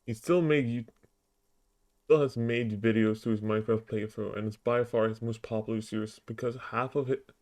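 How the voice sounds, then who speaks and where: A male streamer chatting live with his viewers. He rambles and keeps correcting himself. His mid-range voice grows lively and excitable. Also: fairly low pitch, normal speed.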